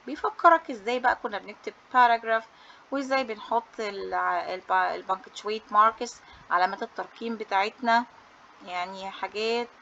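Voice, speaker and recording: A woman's voice: mid-range voice, a bit bright, lo-fi sound, a little hiss or hum. A woman English teacher with an Egyptian Arabic accent, reviewing a study booklet for pupils in a cheerful, coaxing way, dropping English terms into her Arabic. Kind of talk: book review for students.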